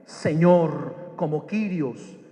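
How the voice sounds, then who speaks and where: A man's voice: a little high, lively intonation, extremely slow, warm tone. A man preaching a sermon and telling a story from his own life, putting questions to his audience and acting out the dialogue. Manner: acts out quoted dialogue. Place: church hall. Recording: long echo of a hall.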